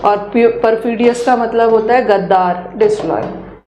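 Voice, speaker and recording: A woman teacher, leading a live online class and briskly spelling out words letter by letter. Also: on the high side, dark tone. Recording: echoey room with faint hum.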